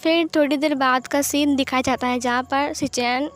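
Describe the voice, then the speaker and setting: A woman's voice: sits high, fairly even intonation, normal speed. A woman narrating a fan fiction story in a chatty storytelling manner, mixing in English words.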